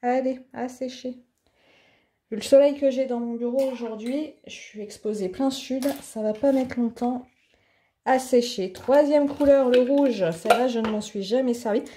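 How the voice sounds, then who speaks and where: A woman's voice: fairly high pitch, moderate pace, warm tone. A woman hosting an art tutorial in her home office, chatting casually and thinking aloud with plenty of fillers as she demonstrates.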